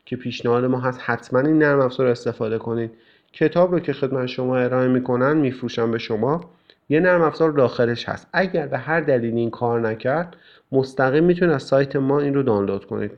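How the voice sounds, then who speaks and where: A male English teacher calmly explaining course tasks to students, with frequent fillers. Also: medium pitch. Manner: calm, explanatory, with many fillers. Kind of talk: recorded class instructions. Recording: dull lo-fi recording.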